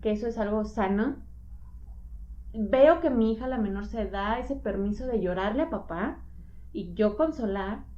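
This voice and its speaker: A woman, a mother telling her own story in a casual podcast chat, animated and quick to act out what others said. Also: medium pitch. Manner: animated storytelling, acts out quoted dialogue. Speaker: podcast co-host sharing divorce experience. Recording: dull lo-fi audio.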